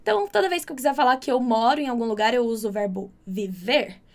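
A woman from Brazil giving a chatty, upbeat Spanish lesson, drilling words slowly and repeating them. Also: on the high side. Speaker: Spanish teacher. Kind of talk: casual online language lesson.

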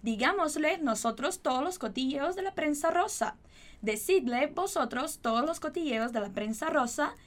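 A woman teaching Spanish, explaining patiently and repeating words slowly and clearly. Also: high-pitched, expressive. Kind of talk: online language lesson.

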